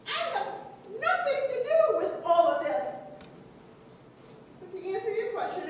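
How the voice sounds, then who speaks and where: A woman's voice: extremely high pitch, a little hiss or hum. A woman playing a hesitant, flustered fake copyright agent in a stage play. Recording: echoey stage hall from far off, faint ambience.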